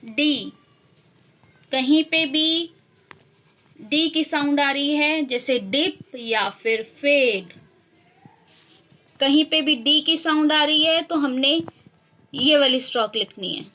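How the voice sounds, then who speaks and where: A young woman teaching shorthand, slowly repeating each sound and example word to drill it. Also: high-pitched, muffled recording. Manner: slow, repeats sounds and words to drill them. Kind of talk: instructional explanation.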